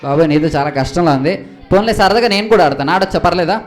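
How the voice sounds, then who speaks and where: High-voiced young man leading a comic skit. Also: fast, faint music behind. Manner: lively, exasperated questioning of his partner. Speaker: skit host and straight man. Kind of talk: comic stage skit with audience interaction. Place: event stage before a live audience.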